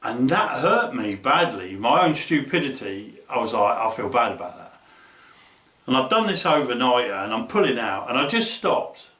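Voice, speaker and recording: Male storyteller, animated and cheeky, middling pitch, distant roomy recording. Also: normal speed, few pauses. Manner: animated, swears freely, acts out voices with laughter. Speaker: angler telling stories. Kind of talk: casual storytelling.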